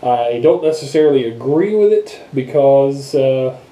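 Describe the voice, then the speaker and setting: A man's voice: medium pitch, expressive, measured pace, mellow, echoey room. A man with a congested, nasal voice, as if his nose were broken, sick and unable to breathe through it, rambling casually in an offhand vlog. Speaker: vlogger. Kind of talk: casual unscripted vlog talk. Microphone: action camera microphone.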